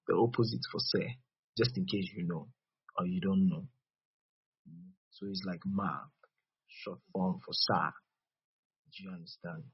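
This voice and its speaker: A man's voice: sits low, breathy edge, no room sound, dull audio. A man with a West African accent preaching a teaching sermon, repeating phrases and checking that his listeners understand.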